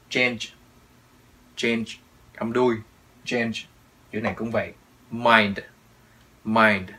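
A man's voice: on the low side, fairly bright tone, slight background noise, rough recording. A man teaching English pronunciation, patiently repeating each word several times and explaining in between. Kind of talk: pronunciation lesson, repeating words slowly.

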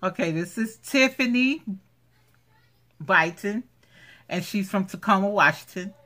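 A craft channel host with a medium-pitched voice and a slightly slow delivery films an unboxing vlog at home on a handheld camera. She exclaims over each item, gushing, excitable, and repeating herself.

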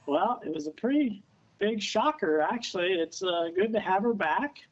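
Speaking over a video call from a house porch outdoors, this Missouri dog owner is a guest in a casual remote interview. His voice is high-pitched and expressive, though the highs are cut off. He talks plainly and without hurry, pausing with "uh."

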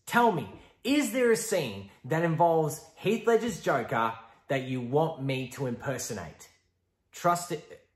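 A middle-aged man hosts a casual video from a room at home. His delivery is emphatic and halting, with a very varied pitch. The room sounds echoey. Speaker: video host and impersonator. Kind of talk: casual talk to camera. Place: small room at home, indoors. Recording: roomy echo.

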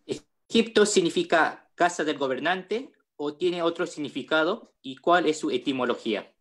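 A moderator reading audience questions aloud to a guest during an online lecture, in a plain, even delivery. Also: medium pitch, moderate pace. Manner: plain, reads questions from a list.

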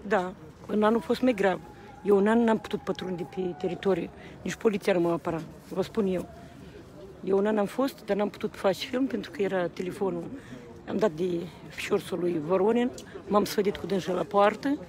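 A woman's voice: mid-range voice, a little mellow. A woman speaking passionately to a reporter outdoors at a rally, repeatedly appealing to the people around her. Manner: agitated, repeats appeals to the crowd. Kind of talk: impassioned street interview. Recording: outdoor street recording with crowd noise. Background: crowd.

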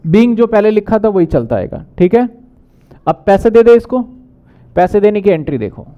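A man teaching accounting in a brisk lecture, asking questions and answering them himself. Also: high-pitched, expressive, muffled recording. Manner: brisk, asks and answers his own questions. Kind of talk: whiteboard lecture.

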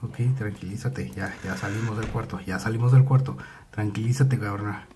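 A man's voice: lowish voice, normal speed, mellow, a little hiss or hum. A young man with a Mexican Spanish accent giving nervous let's play commentary on a horror game, muttering to himself and repeating words when he gets scared. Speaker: gaming YouTuber.

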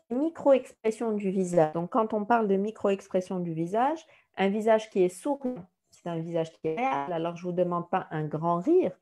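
A woman with a Moroccan French accent leads an online job-interview workshop. Her voice is warm and mellow, sitting at a middle pitch. She teaches methodically, numbering each point. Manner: didactic, enumerating points, acts out recruiter lines. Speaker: career workshop trainer.

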